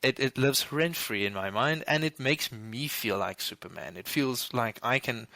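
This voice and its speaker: Casually chatting as a movie podcast co-host, this man has a mid-range voice that is bright and forceful, with no room sound. He rambles, restarts often and drops quick laughs.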